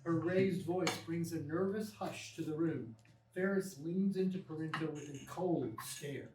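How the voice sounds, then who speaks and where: At a live table read on a small theatre stage, a man reads scripted screenplay narration in a voice on the high side, a little slow and darkish in tone. The recording is distant, echoey, and noisy.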